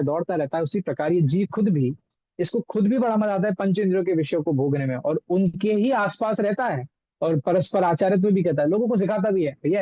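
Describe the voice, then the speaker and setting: A man's voice: high-pitched, dark tone, dry recording, poor audio. A man teaching a scripture text, explaining it through everyday examples and rhetorical questions.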